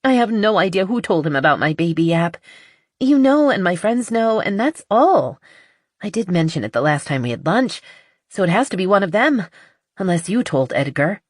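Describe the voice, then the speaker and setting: A woman voicing a lively, emphatic young woman. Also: fairly low pitch, normal speed, no room sound, clean studio sound, voice pushed up. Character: flustered young woman, then sweetly teasing. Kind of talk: audiobook character voice.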